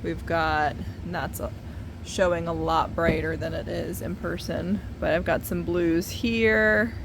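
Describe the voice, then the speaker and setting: The background is noisy as a thirties-aged woman walks through a casual, hands-on painting lesson in her basement. Her voice sits on the low side with fairly even intonation and a slightly slow pace, picked up by a far-off camera rather than a proper microphone.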